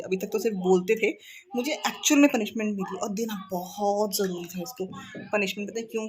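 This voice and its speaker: A woman's voice: mid-range voice, a little hiss or hum. A woman in her thirties, a mother chatting casually to her vlog at home and playing with her child, mixing English words into her talk. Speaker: mother and vlogger. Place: home living room.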